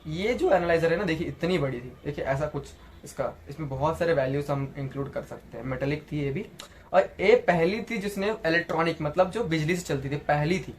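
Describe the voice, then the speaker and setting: A man's voice: on the high side, a little hiss or hum. A man teaching a casual computer basics class, chatty, often checking in with the listener and restarting his words. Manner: chatty, repeats "theek hai" and "dekhiye", frequent restarts. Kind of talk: casual Hindi tutorial lecture.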